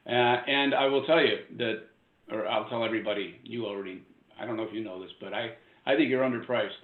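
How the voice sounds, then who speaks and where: A man with a low voice speaks up eagerly in a meeting and trips over a few words. His voice comes through thin and phone-like, with a roomy echo around it. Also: a little fast. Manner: enthusiastic, stumbling over words. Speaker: club member who invited the speaker. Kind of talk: casual remarks in a meeting. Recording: tinny phone-like line in an echoey room.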